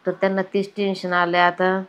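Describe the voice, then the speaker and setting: A woman's voice: on the low side, completely flat delivery, a little fast, a bit bright, lo-fi sound. A woman, chatting worriedly as a daughter-in-law in a village sketch. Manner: chatty, worried, rustic dialect. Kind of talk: village comedy sketch acting.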